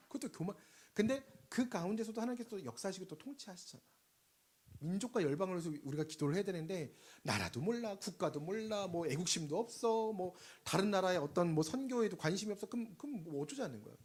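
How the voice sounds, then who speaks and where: A man delivers a sermon in a high, husky voice that rises and falls widely as he talks. He chats with the congregation, jokes, and leads them in call-and-response, dropping to quiet asides before pushing out loud lines. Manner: lively, conversational, swings between loud emphasis and quiet asides. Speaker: preacher.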